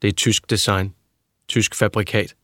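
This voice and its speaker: A man voicing a calm, persuasive young man who speaks slowly and patiently in an audiobook. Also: fairly low pitch, no echo, studio quality. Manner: slow, soothing, measured.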